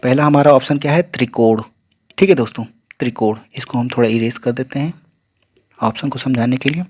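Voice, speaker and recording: A male teacher giving an exam-prep grammar lesson, asking questions and answering them himself, with a steady refrain of "okay, friends". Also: mid-range voice, fairly quick. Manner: repeats "ठीक है दोस्तों" and asks then answers his own questions.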